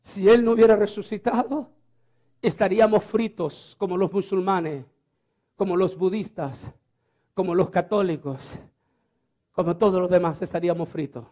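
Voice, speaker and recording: A man's voice: high-pitched, normal speed, long pauses, mellow. A man preaching a storytelling sermon, fervent and repeating phrases for emphasis.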